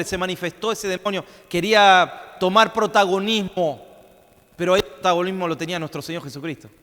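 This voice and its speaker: High-pitched guy preaching, repeats lines and drags them out for emphasis, big echoey church sound. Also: a bit bright. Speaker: pastor. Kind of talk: sermon.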